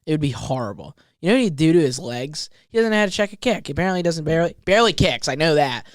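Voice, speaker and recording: A man co-hosting a casual podcast, his pitch leaping up and down as he rambles through fight talk. He keeps stacking fillers and restarts, and the sound is dry and close. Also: rapid-fire, dry recording. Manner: animated, rambling, lots of fillers. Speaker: podcast co-host. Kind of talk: casual chat about fights.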